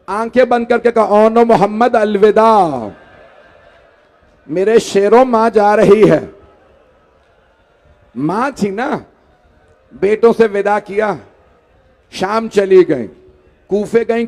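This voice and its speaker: A man's voice: high-pitched, takes it slowly, pauses often, a little mellow. A man, delivering a dramatic, pleading mourning sermon as a religious orator. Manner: dramatic, pleading, rising to cries in quoted laments. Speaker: Shia majlis orator.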